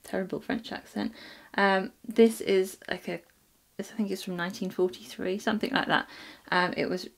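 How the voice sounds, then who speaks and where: A woman's voice: mid-range voice, fairly even intonation, moderate pace, gravelly. A woman talking casually about books she has read, with frequent ums and restarts. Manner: chatty, many ums and restarts. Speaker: book reviewer. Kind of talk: casual book review vlog.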